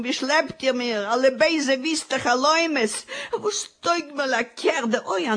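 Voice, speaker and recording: A poor widow with five children pours out her grief in a wailing, sing-song lament, played by a woman. The voice sits high and keening. It is a dramatic monologue, recited with the full swing of an old stage lament. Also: a bit bright, full character voice.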